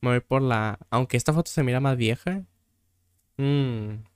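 A man's voice: medium pitch, normal speed, smooth, no room sound, clean studio sound. A young Mexican man streaming a quiz game, thinking aloud, swearing freely and easily exasperated. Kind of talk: casual gameplay commentary.

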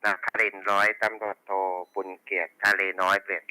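A man's voice: lowish voice, little pitch movement, a little fast, pushed and bright, dry recording. A man working as a police radio dispatcher, reading back station reports and call signs in formulaic procedure over a walkie talkie. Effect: two-way radio.

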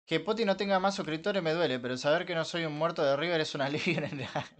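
Man, young adult, Argentine Rioplatense accent, casual gaming stream banter, fairly high-pitched, swears, frustrated outbursts. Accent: Argentine Rioplatense Spanish. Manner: banters with chat, swears, bursts into frustrated shouts. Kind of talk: casual live-stream chat while gaming.

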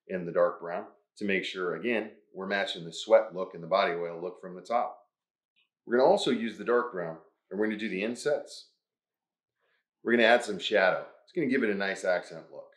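An upbeat man hosts a hands-on craft tutorial and walks through each step as he works. His voice sits on the low side. The room around him is echoey. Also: a little fast. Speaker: host.

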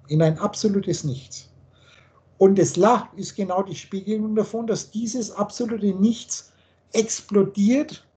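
A man's voice: high-pitched, a little mellow. A man lecturing on a video call and explaining the meaning of words letter by letter, in the manner of a spiritual teacher. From Germany.

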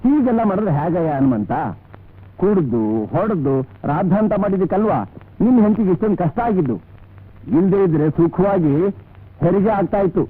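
An actor playing a calm village doctor who reassures patients and lectures firmly about drinking, in a radio drama. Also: male voice, high-pitched, breathy edge. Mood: stern. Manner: steady, lecturing, measured advice. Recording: tinny lo-fi audio.

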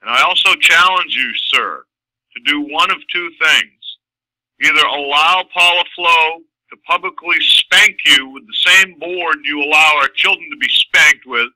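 A man's voice: fairly high pitch, a little slow, pushed and bright, no room sound, rough recording. A man activist leaving a stern, confrontational voicemail, formally addressing the listener as sir. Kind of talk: phone message.

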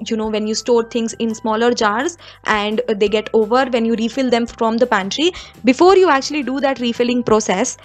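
Young woman, from India, home vlogger, conversational narration, many restarts, faint background music. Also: on the high side. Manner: conversational, with frequent fillers and restarts. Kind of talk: voice-over kitchen tips.

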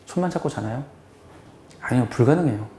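A man's voice: medium pitch, fairly quick, slight background noise. A man teaching as a math tutor in a conversational lecture, acting out the people he quotes. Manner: lively, acts out quoted people. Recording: echoey room.

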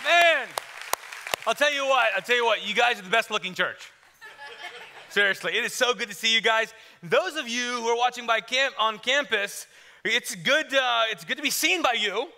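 A man preaching a church sermon as guest speaker, telling lively jokes and stories and then slipping into a hushed prayer. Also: very high-pitched, moderate pace, some chatter behind, a little hiss or hum. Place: church service.

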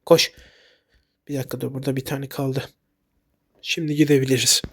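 A man giving casual gameplay commentary while sick, excitable and quick to blurt out short exclamations. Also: medium pitch, breathy edge. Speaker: gaming YouTuber.

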